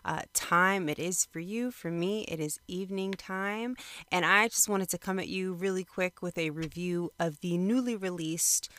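Low-voiced woman, natural unscripted review talk. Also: moderate pace, a bit bright. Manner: conversational, rambling, thinking aloud with frequent hesitations. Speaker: movie reviewer.

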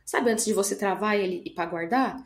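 A woman's voice: mid-range voice, a little fast. Brazilian female co-host, playful and teasing, mid-range voice. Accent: Brazilian Portuguese. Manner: playful, chiming in with short reactions. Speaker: podcast co-host. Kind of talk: casual chat.

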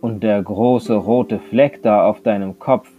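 A man voicing an outspoken young letter who asks sharp, protesting questions. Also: fairly low pitch, fairly even intonation, slow pace, faint music behind. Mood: curious. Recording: slightly dull lo-fi recording.

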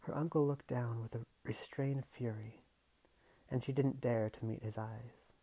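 A man's voice: mid-range voice, fairly even intonation, unhurried, dark tone, husky. A man reading a novel aloud at home, breaking off for casual remarks to himself. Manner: casual asides to himself between passages. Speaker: audiobook reader.

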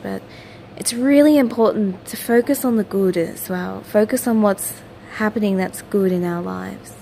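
The host of a daily guided meditation, a female teacher with a medium-pitched voice, narrates in a soothing, gentle, lulling way and repeats soft instructions. Faint ambient noise can be heard behind her.

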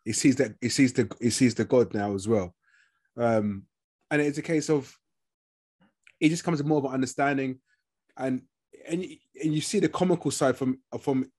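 A man with a medium-pitched voice talks casually as a podcast co-host. He circles back and repeats phrases while working out what he means. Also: moderate pace, long pauses, darkish tone, slightly rough. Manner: repeats phrases as he works out his point. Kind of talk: casual TV review chat.

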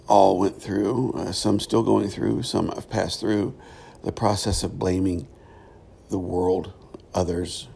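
A middle-aged man with a gravelly voice giving a reflective solo podcast monologue, thoughtful and halting, with frequent pauses. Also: deep voice, darkish tone. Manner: thoughtful, halting, pausing often. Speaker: podcast host, former pastor.

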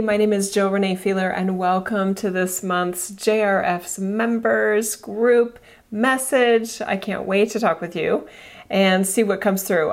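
A woman with a creaky voice hosting informal spiritual talk and guided meditation, gently instructing and soothing, with small asides to her listeners. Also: mid-range voice. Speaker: spiritual guide and podcast host.

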